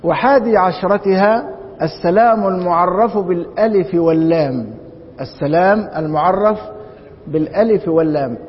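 A man with an Egyptian Arabic accent teaching Islamic law in a classroom lecture. He keeps posing rhetorical questions and answering them himself. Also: normal speed. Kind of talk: classroom lecture on a religious text. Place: large mosque lecture hall. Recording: dull, reverberant hall with faint rumble.

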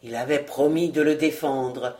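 A reader voicing a masked male outlaw leader in an audiobook, speaking low, slow and menacing. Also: fairly even intonation, close to an everyday voice. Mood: mournful. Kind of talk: audiobook character reading.

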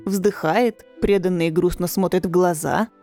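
A woman voicing a gentle, wry young male servant telling a story. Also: on the low side, fairly even intonation, normal speed, faint music behind, close to an everyday voice. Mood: wistful. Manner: wry, easygoing.

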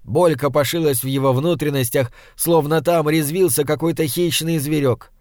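A man narrating a literary audiobook in a steady, even storytelling manner. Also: fairly high pitch, normal speed, no echo, clean studio sound.

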